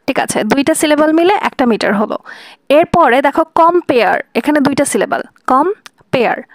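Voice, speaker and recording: A woman teaching a lesson, patiently explaining step by step and slowing down to sound out examples. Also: sits high, no room sound. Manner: patient, repeating and spelling out examples slowly.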